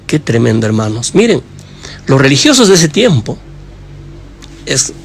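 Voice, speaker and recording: A man preaching a sermon with passion, addressing his listeners directly and swinging between raised high emphasis and low hushed phrases. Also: very animated, unhurried, vocal fry, breathy edge, soft background music.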